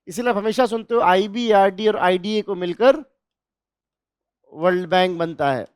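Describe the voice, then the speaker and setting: High-voiced man explaining a lesson. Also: smooth, no room sound, studio quality. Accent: Hindi. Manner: explanatory, asks and answers own questions; spells out terms slowly, repeating them. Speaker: teacher. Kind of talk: exam revision lecture.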